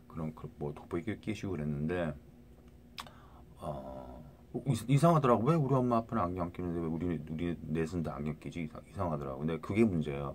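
Very low-voiced man rambling to viewers. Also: slight background noise. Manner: rambling, many restarts, keeps asking "right?". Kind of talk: rambling casual monologue to viewers.

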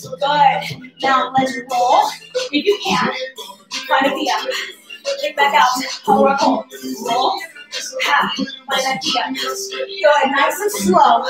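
High pitched woman hyping up a home workout, far from the mic in an echoey room with music going. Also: takes it slowly, long pauses. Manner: energetic motivating callouts and countdowns; sassy and playful. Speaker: fitness instructor. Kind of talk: live workout coaching.

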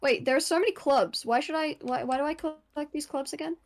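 High-voiced woman, jumpy scared game streamer. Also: brisk. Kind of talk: casual live gameplay commentary.

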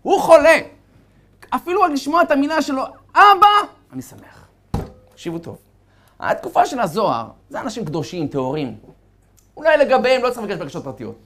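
A male rabbi giving a sermon, with animated storytelling and chuckles as he talks. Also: extremely high pitch. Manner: animated storytelling, acting out characters.

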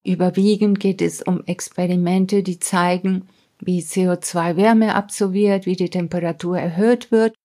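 A woman's voice: lowish voice, steady tone, moderate pace, mellow. A woman scientist, a podcast guest, explains her school project earnestly, with small grammar slips and emphatic asides. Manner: non-native grammar slips in German. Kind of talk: explaining in an interview.

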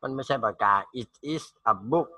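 A man's voice: mid-range voice, measured pace, fairly bright tone, husky, no room sound. A man teaching English to school students in an online class, reading short English phrases and then translating and repeating them in Thai.

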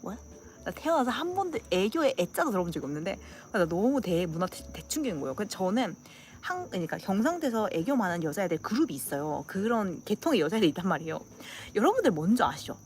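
A woman's voice: mid-range voice, darkish tone. A young woman with a Gyeongsang accent chatting casually with her viewers. She acts out dialect phrases and laughs often. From Gyeongsang region, South Korea. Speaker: channel host.

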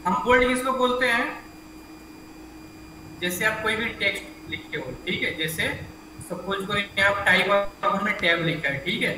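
A male computer teacher with a high-pitched voice gives an online class at normal speed, explaining step by step, quizzing his students and repeating "ठीक है". He is picked up by a distant room mic, so he sounds echoey against a noisy background.

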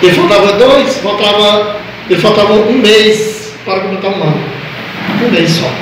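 Impassioned older pastor in echoey hall. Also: male voice, sits high, moderate pace. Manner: impassioned, cries out in prayer. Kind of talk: sermon testimony. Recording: echoey, distant church mic with noise.

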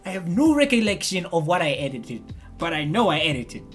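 An excitable host bantering casually while reacting to clips, given to loud exclamations. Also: medium pitch, a little fast, soft background music.

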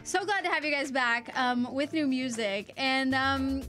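A woman radio host with a high, bright voice leads the chat in a bubbly, encouraging way. She speaks from the studio, and music clearly plays behind her. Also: measured pace. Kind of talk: upbeat interview hosting.

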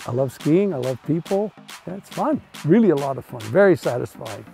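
A man's voice: a little high, animated, brisk, creaky, mellow, faint music behind. A middle-aged man, a ski instructor, explaining things in a casual conversational way outdoors at a resort.

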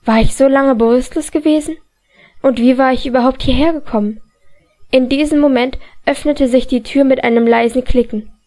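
A woman narrating a novel in the first person as an audiobook reader, calm and measured. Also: high-pitched, soft background music.

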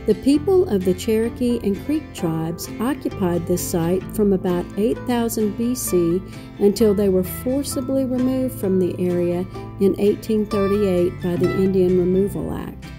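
A middle-aged woman vlogging about her travels, talking in a reflective, unhurried way. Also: medium pitch, music in the background. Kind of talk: travel vlog narration and chat.

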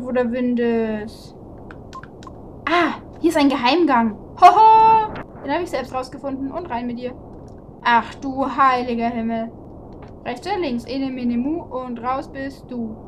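Excitable high-voiced woman gamer. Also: slight background noise. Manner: excitable, swears and shrieks in frustration. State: out of breath. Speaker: let's play gamer. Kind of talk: live game commentary.

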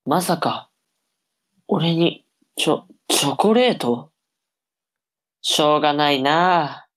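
A woman's voice: low voice, slow. A woman voicing a cocky, teasing young older brother in a comic tongue-twister reading drama. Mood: reluctant, cheeky.

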